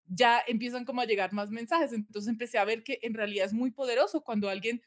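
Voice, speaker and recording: A woman's voice: on the high side, fairly even intonation, quick pace. Earnest woman telling her story. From Colombia. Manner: earnest storytelling, often checks in with "¿sí?". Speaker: guest, communication and personal branding expert. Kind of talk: conversational podcast interview.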